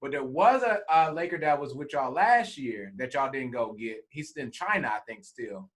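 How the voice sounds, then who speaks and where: A man co-hosting a sports podcast who builds his argument point by point in a measured way. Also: mid-range voice, lively intonation. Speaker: podcast co-host. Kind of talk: casual sports podcast chat.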